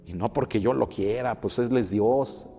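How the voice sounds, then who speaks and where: A man's voice: medium pitch, measured pace, gravelly, warm tone, big-room sound, faint music behind. A man preaching a sermon as a pastor, asking rhetorical questions and calling his listeners brothers. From Mexico.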